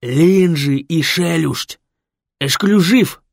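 A man voicing a loud, jolly bearded biker who has lost his dentures and lisps through mushy, toothless speech. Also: on the high side, very slow, gravelly, dry recording, clean studio sound, voice pushed up, full character voice. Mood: agitated shouting. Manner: shouting, boisterous, drawn out.

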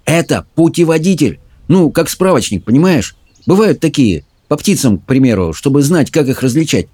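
A man's voice: a little high, sing-song, normal speed, mellow, slightly rough, voice pushed up. A man doing an eager, protesting young boy. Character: excitable, defensive young boy.

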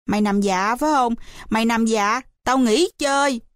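A bossy young boy snaps back quickly and brashly, as a woman reading the story plays him. Her voice stays fairly high, recorded close and dry. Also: no room sound, close to an everyday voice. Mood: sulky.

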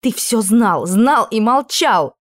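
A woman voicing a hot-tempered young princess who shouts and sobs through her lines. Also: mid-range voice, animated, unhurried, no echo, clean studio sound. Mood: furious, sobbing.

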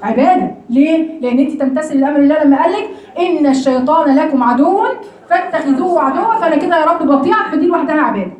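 Lively Egyptian woman teaching a religious lesson. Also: sits high, racing, echoey room, poor audio. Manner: lively, acts out voices and prayers, rhetorical questions. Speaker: Quran teacher.

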